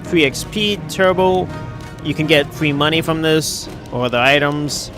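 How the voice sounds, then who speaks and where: A man's voice: a little high, measured pace, music in the background. A man giving casual live commentary as he streams a video game.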